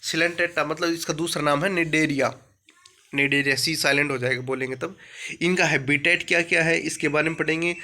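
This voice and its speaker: Bright-voiced man teaching biology. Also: on the high side, fairly even intonation. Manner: asks questions then answers them himself; reads English textbook lines slowly, explains in Hindi. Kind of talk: exam-prep lecture.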